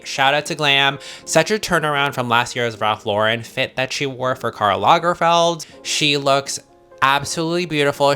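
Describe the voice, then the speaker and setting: A man's voice: medium pitch, sharp tone, smooth. A sassy, gushing man giving casual, opinionated fashion commentary with emphatic drag-queen-like slang, as the host of a review show.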